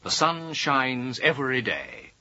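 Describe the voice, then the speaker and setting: A man speaking slowly and carefully in a scripted language-course dialogue. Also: mid-range voice, very animated, pushed and bright, dry recording. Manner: slow, careful, clearly spaced delivery. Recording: dull lo-fi audio.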